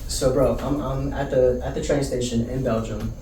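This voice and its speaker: A man's voice: medium pitch, steady tone, moderate pace, mellow, a little hiss or hum. A young man telling a travel story in casual, slangy chat, full of "bro" and "like". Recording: echoey room, distant mic, faint ambience.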